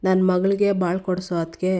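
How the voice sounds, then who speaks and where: A scheming mother begging through tears, as a woman narrator puts her on, in a soft, mellow voice with little melody. She sounds like a serial villain putting on a humble act. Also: on the low side, little pitch movement, normal speed, lightly acted. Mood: pleading. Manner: pleading, tearful. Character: tearful scheming mother pleading with sister-in-law.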